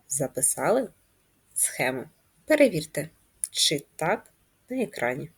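A woman teaching a first-grade reading lesson, speaking patiently and clearly and stretching words into syllables. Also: sits low. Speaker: primary school teacher.

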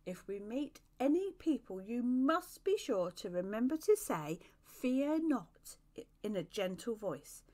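A woman's voice: mid-range voice, sing-song, a little slow, few pauses, mellow. A woman voicing a careful guardian angel giving earnest warnings in a storybook reading. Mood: admonishing. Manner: earnest, admonishing.

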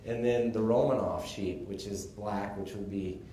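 A man from Texas gives a casual conference presentation, explaining things in a relaxed way with the odd chuckle. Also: on the low side, moderate pace, slight background noise. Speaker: conference speaker on sheep breeding. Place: conference room. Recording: echoey conference room, faint ambience.

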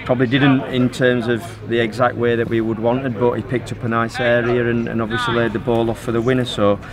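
Answering post-match questions outdoors, a middle-aged football manager speaks in an even, deliberate manner packed with fillers. Behind him the crowd is audible on the pitch, and the audio comes from a phone in the interviewer's hand.

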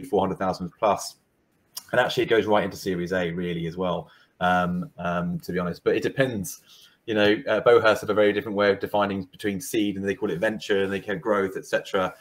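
Low-voiced man hedging on a video call. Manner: measured, hedging with fillers. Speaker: panelist, investor. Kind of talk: panel discussion over video call.

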